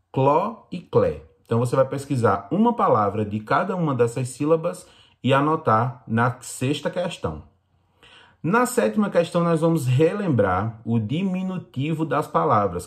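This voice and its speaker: A man teaching young children in Brazilian Portuguese, explaining slowly and patiently in a recorded lesson. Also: medium pitch. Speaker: primary school teacher.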